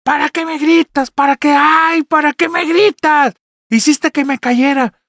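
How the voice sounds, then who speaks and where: A man voicing an angry, scolding middle-aged mother with shrill, accusing outbursts. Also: fairly even intonation, a little slow, dry recording, studio quality. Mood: furious.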